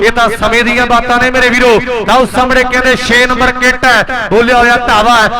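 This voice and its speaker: A man's voice: very high voice, poor audio. A man with a Punjabi accent giving live kabaddi commentary, breaking into rhymed verses and exclaiming to spectators as his brothers. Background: crowd at a live match.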